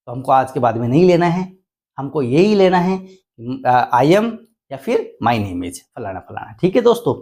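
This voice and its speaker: Male Hindi grammar teacher, slow repetitive explanations. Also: mid-range voice, darkish tone. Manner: explains slowly, repeating key points. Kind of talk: online grammar lesson in Hindi. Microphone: desk microphone indoors.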